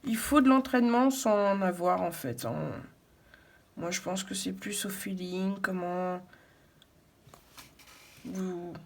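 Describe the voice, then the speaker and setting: A woman narrating her coloring tutorial casually, soft-spoken and absorbed in her work, often murmuring to herself. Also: lowish voice, takes it slowly, long pauses. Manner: absorbed, narrating each step as she works. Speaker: coloring video creator.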